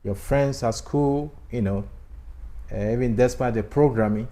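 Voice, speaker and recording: A man's voice: mid-range voice, moderate pace, dark tone. Emphatic male studio talk host. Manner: emphatic, repeats key phrases, urges viewers to subscribe. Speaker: channel host. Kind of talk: conversational spiritual talk show.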